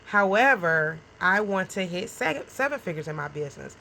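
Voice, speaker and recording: A lowish, expressive voice with vocal fry and a sharp tone comes through at normal speed on a rough recording with slight background noise. The woman, in her forties, is a small business owner talking casually and directly to the viewer, frank and encouraging, often tossing in "okay?" and "right?"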